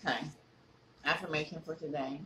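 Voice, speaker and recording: A man's voice: fairly high pitch, steady tone, brisk, bright, forceful tone. A man from California, a mukbang vlogger, talking casually to the camera while chewing and putting questions to his viewers. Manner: chatty, asks viewers questions. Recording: echoey room with faint ambient noise.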